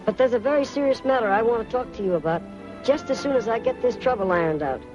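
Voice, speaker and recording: An actor playing an earnest, stubborn young cowboy son in a 1930s western film. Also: male voice, very high voice, lively intonation, fast. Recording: muffled old 1930s film soundtrack, music behind.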